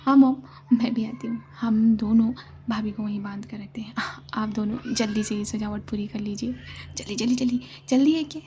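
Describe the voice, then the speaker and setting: A woman voicing an eager, bubbly young woman who talks in a hurried, excited way in a whispered role-play. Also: fairly high pitch, close to an everyday voice.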